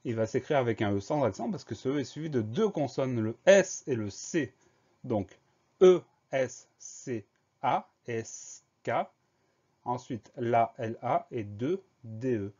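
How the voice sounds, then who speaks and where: A man's voice: medium pitch, lively intonation, unhurried, darkish tone, husky, lo-fi sound. A man teaching a spelling lesson, explaining each word patiently and spelling it out letter by letter.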